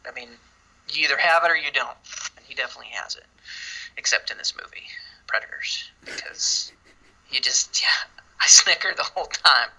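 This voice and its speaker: Bright-voiced rambling man on a podcast. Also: mid-range voice, a little fast, creaky, long pauses, whispered, low-quality recording. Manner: rambling, drops to asides under his breath. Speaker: podcast co-host. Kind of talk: casual movie chat.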